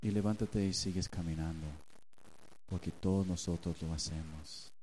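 A man's voice: low voice, fairly even intonation, moderate pace, dark tone, slight background noise. A man, a pastor preaching a sermon and acting out his talks with God as he tells a story.

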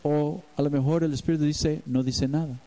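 A man's voice: a little high, fairly even intonation, brisk, dark tone, poor audio. A man preaching as a pastor, telling a personal story and acting out the voices in it. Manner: storytelling, acts out quoted voices. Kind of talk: sermon.

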